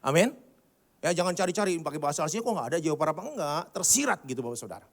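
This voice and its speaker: A man's voice: fairly high pitch, big pitch swings, very fast, creaky. A male pastor preaching a sermon at a church service, telling stories in a conversational way and putting questions and jokes to the congregation.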